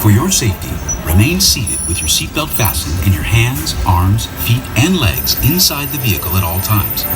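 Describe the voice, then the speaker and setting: A man giving measured, recorded safety and ride announcements, played over a loudspeaker in a ride vehicle. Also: on the low side, wildly swooping pitch. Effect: played over an outdoor loudspeaker in the ride vehicle. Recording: distant loudspeaker audio under loud music.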